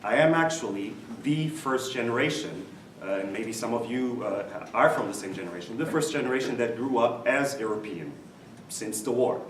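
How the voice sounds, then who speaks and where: A man's voice: medium pitch, moderate pace, far from the mic, a little hiss or hum. Reflective man speaking from across an echoey room. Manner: reflective, self-deprecating humor. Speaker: interview guest. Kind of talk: conversational interview answers.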